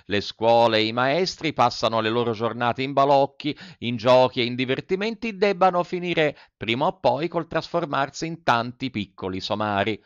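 A man voicing a kindly little female marmot in a storybook reading, speaking slowly and soothingly with regret. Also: mid-range voice, a bit bright, smooth, dry recording, lightly acted. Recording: dull, dry recording.

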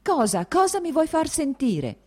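A woman's voice: lowish voice, lively intonation, fairly quick, dark tone. A woman voicing a young, proud and hurt woman who answers sharply and with agitation in a raised voice. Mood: furious.

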